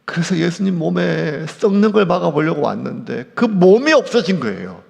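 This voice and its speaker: A man preaching a sermon, his high voice gravelly and swinging widely in pitch. He pours emotion into the words and sometimes sinks to a hushed near-whisper. The church hall lets his voice ring out in a long reverb. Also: big pitch swings, moderate pace. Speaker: pastor. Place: church sanctuary.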